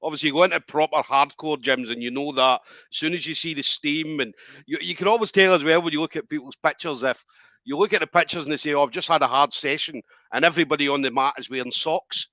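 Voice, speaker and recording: A chatty male interviewer with a bright, forceful tone and a slightly high voice. He keeps things upbeat and leads his guest along. The sound is dry and close. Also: fast, dry recording. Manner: chatty, upbeat, leading questions. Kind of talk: casual interview chat.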